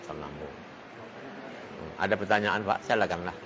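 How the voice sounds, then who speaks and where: A man's voice: deep voice, normal speed, lo-fi sound, background noise. A man talking casually and chattily to a gathered audience, laughing easily.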